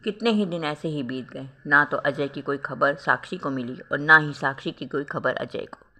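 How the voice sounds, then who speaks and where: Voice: mid-range voice, fairly even intonation, normal speed, pushed and bright. A storyteller reading a self-written romantic drama aloud, voicing every role in a melodramatic way. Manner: melodramatic, reads all roles. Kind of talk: scripted story narration.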